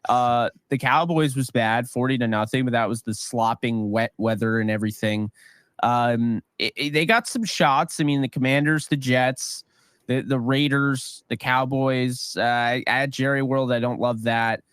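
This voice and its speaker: A man's voice: medium pitch, unhurried, smooth, no room sound, studio quality. Chatty man riffing on football. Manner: rambling, animated opinions with many fillers. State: voice getting worn. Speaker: podcast co-host. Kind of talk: casual sports talk.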